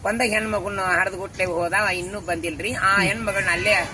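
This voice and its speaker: A folk artist with a North Karnataka Kannada accent, earnestly telling rambling stories in a casual interview and politely addressing the host. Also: male voice, high-pitched, steady tone, normal speed, sharp tone, a little hiss or hum. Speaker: folk artist and hired mourner.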